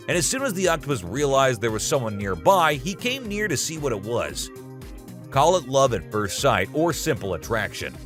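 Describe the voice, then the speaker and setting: A man with a medium-pitched, slightly bright voice reads scripted narration in the style of a nature documentary. He narrates a video compilation, with music playing behind his voice.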